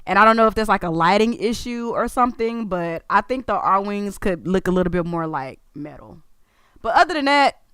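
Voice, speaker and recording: Bright, clear-voiced man chatting casually. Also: high-pitched, animated, a little fast, no room sound, studio quality. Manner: slangy, informal, emphatic. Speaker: streamer reacting to a game trailer. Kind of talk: casual reaction chat.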